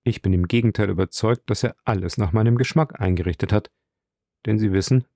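A man reading the part of a reserved, worldly wealthy count in a calm, measured way in an audiobook. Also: lowish voice, gravelly, dry recording, studio quality.

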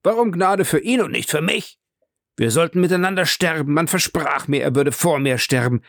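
A man's voice: mid-range voice, little pitch movement, a little fast, creaky, husky, no echo, clean studio sound. A man voicing a desperate condemned man who pleads and cries out frantically in an audiobook reading. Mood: frantic, desperate.

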